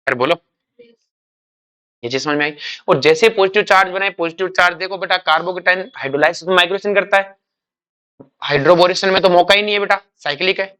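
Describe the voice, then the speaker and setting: Guy teaching chemistry, keeps firing questions at the class, kinda high clear voice. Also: a little fast, long pauses, sharp tone. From India. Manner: quizzing students with repeated questions, calls them beta; acts out a crying carbocation and a comforting mercury.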